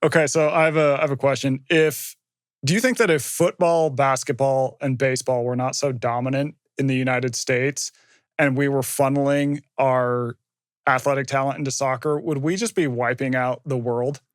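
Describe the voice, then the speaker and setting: Male podcast host, curious interviewer, mid-pitch, very dry recording. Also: steady tone, moderate pace, no room sound. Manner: curious, asks questions with restarts.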